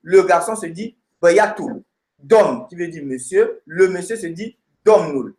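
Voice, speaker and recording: A man teaching a language lesson from a textbook, addressing the student directly and pausing with fillers as he searches the pages and repeats word endings. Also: sits high, lively intonation, a little mellow, reverberant. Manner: halting, many fillers and repeated words while searching pages. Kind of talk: recorded lesson, talking through a textbook.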